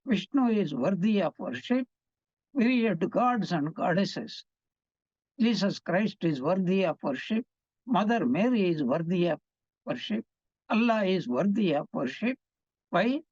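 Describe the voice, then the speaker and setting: A man's voice: high-pitched, lively intonation, unhurried, a little mellow, slightly rough, no room sound. A man, a monk, giving a conversational scripture class, telling stories and asking rhetorical questions. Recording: slightly dull, muffled sound.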